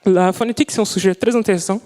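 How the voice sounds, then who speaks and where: Very fast yet careful, a young man who isn't a native French speaker presents his student project live in a lecture hall, often restarting as he looks for words. His voice is high-pitched, steady and darkish, with long hall reverb.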